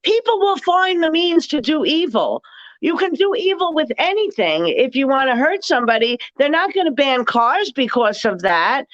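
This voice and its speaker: Indignant woman co-host with a high voice, slightly lo-fi recording. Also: big pitch swings. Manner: indignant, rapid-fire, rambling. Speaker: talk show co-host. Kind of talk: political talk show chat.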